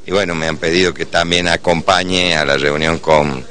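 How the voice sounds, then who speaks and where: Casting: middle-aged Argentine man, low forceful voice, city official in a street press interview, halting and measured. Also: steady tone. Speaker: municipal official answering reporters. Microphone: reporters' handheld microphones held close.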